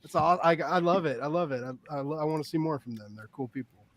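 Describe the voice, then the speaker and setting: A man co-hosting a casual livestream chat, animated and joking, with plenty of swearing. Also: on the high side, fast. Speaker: co-host, comic reviewer.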